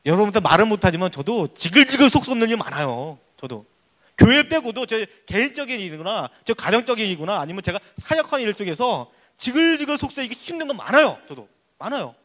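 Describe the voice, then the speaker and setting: A male pastor giving an emphatic, excitable sermon at a church youth service. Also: high voice, fast talker. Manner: excitable, emphatic preaching that acts out prayers.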